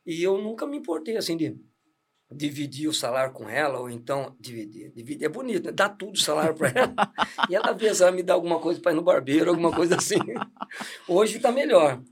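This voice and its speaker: A middle-aged deacon tells his story in a casual, chatty way. His voice sits high for a man, and he laughs often and restarts his sentences. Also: sing-song, fairly quick, slight background noise. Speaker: deacon giving testimony. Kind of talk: casual testimony chat.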